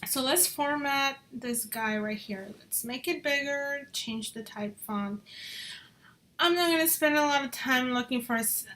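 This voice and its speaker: A high-pitched, somewhat bright female voice, a little slow, belongs to a job applicant describing her design work on screen. She keeps up a chatty commentary, mutters to herself, and mixes in Spanish phrases now and again.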